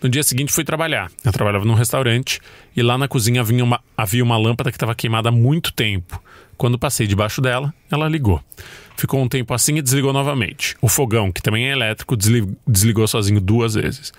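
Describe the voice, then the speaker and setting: A man's voice: fast talker, no room sound. A man from Brazil hosting a podcast, reading listener stories aloud with playful, jokey asides. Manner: playful, jokey asides with big pitch swings. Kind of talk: casual chat and story reading.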